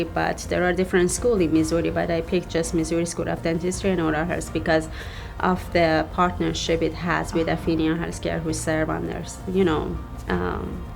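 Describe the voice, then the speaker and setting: A woman from Iran, a dentist speaking haltingly in an interview about her award. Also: lowish voice, gravelly. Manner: halting, with fillers. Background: background music.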